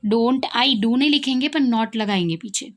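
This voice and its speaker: A woman's voice: on the high side, a little slow. Young Indian woman teaching grammar. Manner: asks questions and answers them herself, repeats key points. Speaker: English teacher. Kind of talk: explaining English grammar lesson.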